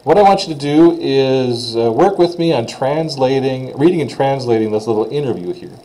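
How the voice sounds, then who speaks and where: A man's voice: mid-range voice, lively intonation, moderate pace, warm tone, rough recording. A man teaching a casual recorded French lesson, talking informally with frequent "uh" fillers.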